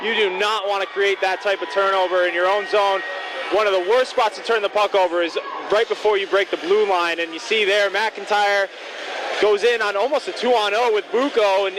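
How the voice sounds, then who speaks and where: High-voiced man giving hockey analysis over noise. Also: steady tone, a little fast. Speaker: color commentator. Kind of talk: live hockey analysis, conversational. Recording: clear background rink noise.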